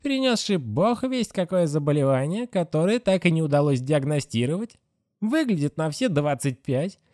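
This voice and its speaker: A scornful middle-aged caretaker woman, as a male narrator puts her on, her voice pushed high into falsetto. She scolds with cutting contempt, swinging widely in pitch. The storybook recording sounds dry and close. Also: sing-song, normal speed, darkish tone, dry recording. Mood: scolding.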